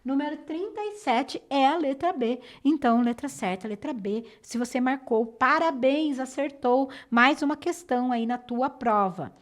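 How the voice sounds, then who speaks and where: A woman with a Brazilian Portuguese accent teaches a lesson that walks students through exam answers. Her voice sits fairly high, and she explains in a clear, patient way. She is recorded close to the microphone. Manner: clear, patient explaining, slows down to stress syllables.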